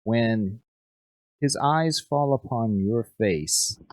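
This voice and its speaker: A man running a tabletop game as game master, narrating haltingly with many restarts. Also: medium pitch, dry recording.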